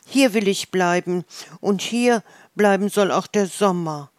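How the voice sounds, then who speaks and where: A woman's voice: mid-range voice, unhurried, no echo, studio quality, close to an everyday voice. A woman voicing a sad young swallow in a storybook, sobbing and plaintive.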